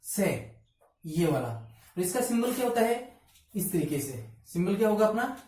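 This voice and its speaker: A woman teacher gives a phonetics lesson in a mellow tone, asking a question and then answering it herself. She sounds a little distant from the mic, in a strongly echoing room. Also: medium pitch, lively intonation, moderate pace. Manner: asks questions and answers them herself, spells letters out. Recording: echoey room, from far off.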